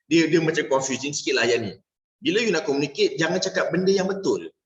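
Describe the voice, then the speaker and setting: Speaking quickly and with animation in a slightly high voice, this sales coach with a Malaysian accent lectures a live workshop class. He switches between Malay and English, asks "alright?" after nearly each point, and playfully performs little dialogues, all captured in an echoey room with dull, lo-fi audio.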